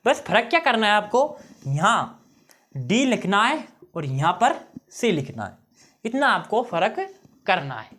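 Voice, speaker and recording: A man's voice: high voice, very animated, a little slow, sharp tone. A male teacher giving an exam-prep lesson on memory tricks, often checking in with his students and repeating key phrases.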